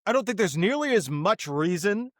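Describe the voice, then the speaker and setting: A man co-hosting a sports podcast who reasons things through. His voice is fairly high and full of rise and fall. The recording is dry and close. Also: very animated, normal speed, fairly bright tone, dry recording. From Boston area. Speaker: podcast co-host. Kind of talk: casual sports chat.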